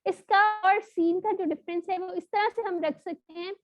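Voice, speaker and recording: A woman teaching an online recitation lesson, explaining patiently and sounding out letters slowly. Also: very high voice, fairly even intonation. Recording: dull lo-fi audio.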